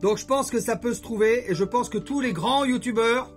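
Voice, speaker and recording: A man's voice: very high voice, moderate pace, soft background music. A man chatting casually to his viewers as a YouTuber, rambling with jokey conversational asides. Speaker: YouTuber host. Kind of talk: casual vlog chat to camera.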